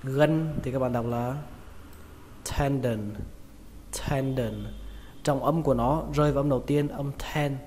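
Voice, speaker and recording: A man with a Vietnamese accent teaching English pronunciation, repeating each word slowly and stressing its syllables. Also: mid-range voice, steady tone, darkish tone. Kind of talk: pronunciation lesson. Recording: reverberant room with faint noise.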